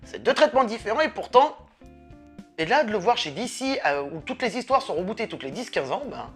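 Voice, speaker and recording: A woman hosting a comics review video, lively and sarcastic, swearing casually as she talks. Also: mid-range voice, fairly quick, faint music behind. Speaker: host of a comics review channel.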